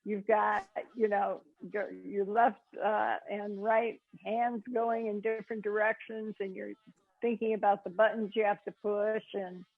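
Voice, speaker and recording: A woman's voice: medium pitch, level tone, a little slow, vocal fry, no echo. A woman interviewing a band in casual chat, encouraging and enthusiastic. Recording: tinny phone-line audio.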